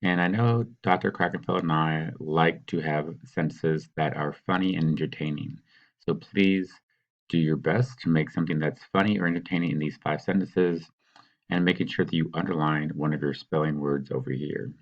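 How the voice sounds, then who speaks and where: A man teaching, patiently talking students through a worksheet and sounding out words slowly. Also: very deep voice, steady tone, lo-fi sound. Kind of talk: recorded classroom walkthrough.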